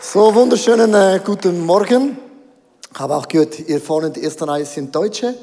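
A Swiss man in his forties preaches with a Swiss German accent, keeping things jokey and lively and slipping in English phrases. His voice sits high for a man. The big hall gives it a long, trailing reverb. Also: moderate pace, some chatter behind, slight background noise. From Switzerland. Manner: joking, lively, mixes in English. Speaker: pastor. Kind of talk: sermon. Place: large hall on stage.

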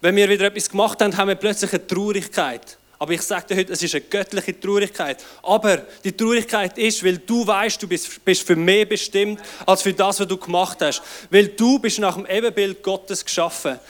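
A man's voice: high-pitched, fairly even intonation, brisk. A man preaching a sermon, fervent and exclamatory, often breaking in with eager interjections. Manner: fervent, exclamatory, with frequent "hey" and "wow".

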